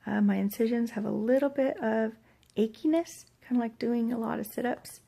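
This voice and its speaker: An American woman in middle age with a husky, breathy, gravelly voice, weak and achy after surgery, rambling hesitantly in a casual personal vlog. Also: a little high, normal speed, mellow. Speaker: vlogger sharing surgery recovery. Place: hotel room.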